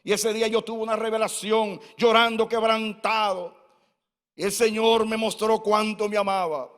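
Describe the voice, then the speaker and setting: High-voiced older pastor preaching in a hall. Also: male voice, little pitch movement, moderate pace, fairly bright tone. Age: 60s. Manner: fervent, personal storytelling preaching. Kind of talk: sermon. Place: church hall. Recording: long church-hall reverb.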